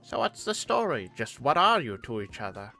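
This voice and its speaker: A man doing a gruff old craftswoman. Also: medium pitch, big pitch swings, moderate pace, sharp tone, soft background music, pitched above the performer's own voice, heavily acted. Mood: teasing. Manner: teasing, nosy, scolding. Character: gruff old female workshop master.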